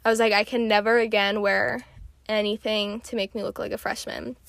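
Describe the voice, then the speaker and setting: A woman's voice: mid-range voice, little pitch movement, fairly quick, creaky, fairly bright tone, no room sound. A woman in her twenties casually telling stories, chatty and full of "like" fillers. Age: 20s. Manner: chatty, filler-heavy with frequent "like". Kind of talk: casual storytelling.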